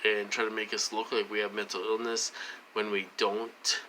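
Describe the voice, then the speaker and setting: Bright-voiced man rambling over a drink. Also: fairly low pitch, flat delivery, moderate pace, slight background noise, low-quality recording. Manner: rambling and repetitive, keeps asking "okay?". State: having a drink. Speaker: vlogger. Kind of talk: casual venting monologue.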